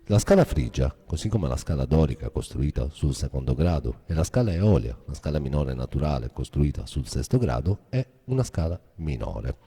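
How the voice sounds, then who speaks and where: A man's voice: very deep voice, sing-song, moderate pace, few pauses, mellow, husky. A man giving a guitar lesson, explaining a scale step by step in a methodical way. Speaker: guitar teacher. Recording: guitar playing behind voice.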